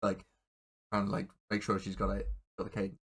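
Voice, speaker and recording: A man narrating a tabletop game as game master, describing scenes haltingly with many fillers. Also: deep voice, monotone, vocal fry, a bit bright, breathy edge.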